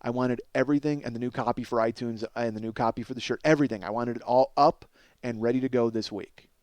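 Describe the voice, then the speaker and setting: Speaking quickly in a mid-range voice, a middle-aged comedy podcast host rambles excitedly, swears, pokes fun at himself and often trips over repeated words. There's no echo.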